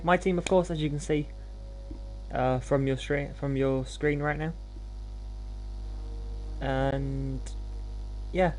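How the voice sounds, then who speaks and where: A man's voice: a little high, a little mellow, slight background noise, low-quality recording. A man hosting a gaming livestream, talking in an informal, laid-back, self-deprecating way as he commentates. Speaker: live streamer hosting gameplay.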